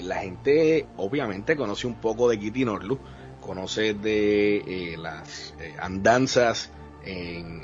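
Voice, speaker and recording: Male host asking rambling questions. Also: on the low side. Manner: winding questions with many fillers, mixes in English words. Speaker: podcast host. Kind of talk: conversational interview. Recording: dull lo-fi sound with faint music.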